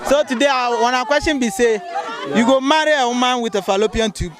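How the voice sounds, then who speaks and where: A man's voice: very high voice, quick pace, over a noisy crowd. A man with a Ghanaian accent asking passers-by questions in a casual street interview. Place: outdoors on a street. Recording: noisy busy street with loud music.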